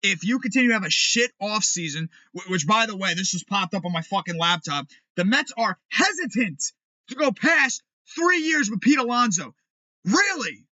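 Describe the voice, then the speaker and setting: A man hosting a sports podcast, ranting angrily and with lots of cursing, dropping to low mutters and then rising to shouts. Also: big pitch swings, moderate pace, dry recording. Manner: angry, profane, swings from low mutters to shouting. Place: home room. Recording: dull, lo-fi home recording.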